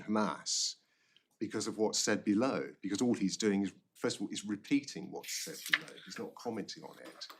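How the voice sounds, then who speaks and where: A man arguing an appeal as a barrister, formally, halting and often repeating words. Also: sits low, husky. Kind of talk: formal courtroom legal argument.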